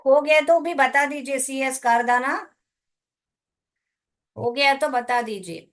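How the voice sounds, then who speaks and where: Casting: young Indian woman teacher, high voice, patient and unhurried with her pupils. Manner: patient, explains slowly, mixes Hindi and English, calls pupils "beta". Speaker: English teacher. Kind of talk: live online class explanation.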